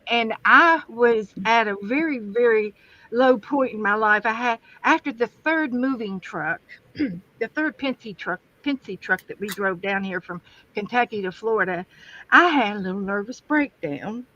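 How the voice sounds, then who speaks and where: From her home craft room, a West Virginian guest crafter chats on a livestream, telling rambling stories in a fairly high, bright, forceful voice with lively intonation and a measured pace. The camera setup gives a dull, dry sound.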